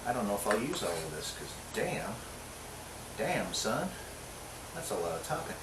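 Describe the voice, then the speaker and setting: In his home kitchen, a middle-aged host of a casual cooking show talks in a lowish, very animated voice at a moderate pace. He's chatty, cracking jokes and talking to himself while he cooks. A far-off mic captures roomy sound and distinct background noise.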